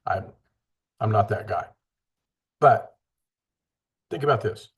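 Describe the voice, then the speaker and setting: A man's voice: lowish voice, expressive, slow pace, slightly rough, dull audio. A man teaching a casual Bible study in an earnest, conversational way, acting out the voices he quotes.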